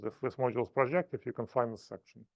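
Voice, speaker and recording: Man giving a halting math seminar. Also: mid-range voice, vocal fry, darkish tone, no room sound. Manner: halting, self-correcting explanations. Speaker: lecturer.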